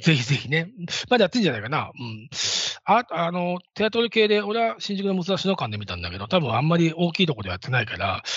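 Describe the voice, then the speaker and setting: Raspy, animated man in his fifties. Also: mid-range voice, no echo. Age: 50s. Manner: rambling and self-deprecating. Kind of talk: casual solo talk. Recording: dull lo-fi, dry sound.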